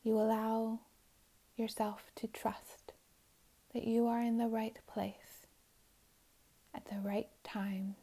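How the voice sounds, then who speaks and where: Female meditation guide: very slow, mellow, soothing, half-whispered delivery. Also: fairly high pitch, little pitch movement. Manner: soft and soothing, slipping into whispers.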